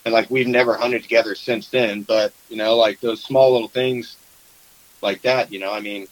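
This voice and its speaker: A man in relaxed conversation, spinning hunting anecdotes with animated quoted dialogue. His voice sits on the low side. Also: moderate pace, no room sound, low-quality recording. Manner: animated storyteller, acts out quotes. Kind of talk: casual chat about duck hunting.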